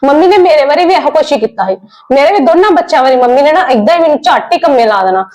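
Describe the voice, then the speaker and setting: A woman's voice: high voice, lively intonation, fast, darkish tone. A woman playing a protective elder sister-in-law. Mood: insistent. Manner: firm, reassuring, insistent.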